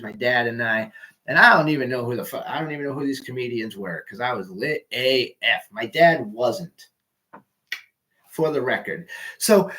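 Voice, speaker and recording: At home, a young amateur comedian runs through a loose, rambling stand-up monologue, swearing and often trailing off mid-sentence. His voice is medium-pitched and a bit bright.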